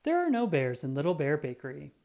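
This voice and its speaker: Creaky and fairly quick, with a medium pitch, the voice reads a kids' picture book aloud as a self-important detective cat recounting his tale. It's expressive and theatrical, complete with acted sound effects.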